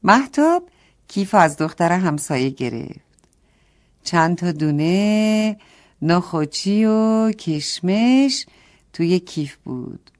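Woman telling a children's story. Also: fairly low pitch. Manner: addresses children directly, warm storytelling.

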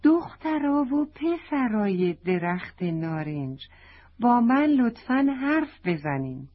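A woman voicing a curious, eager little girl in a children's story, softly and a bit breathily, on a dull lo-fi recording. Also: mid-range voice, very animated, slightly rough.

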